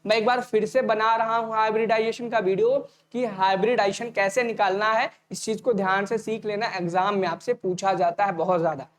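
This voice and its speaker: A man teaching an online exam-prep lecture, talking fast and repeating each point as a question to the students before answering it himself. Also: sits high, fairly even intonation. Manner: casual, addresses students directly.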